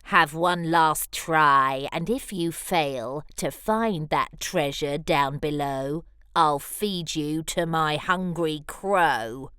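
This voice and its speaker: A woman voicing a threatening male wizard lizard from a storybook, giving slow, menacing commands. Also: sits low, a bit bright, smooth, dry recording, clean studio sound, voice pushed down. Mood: commanding, threatening. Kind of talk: storybook character voice.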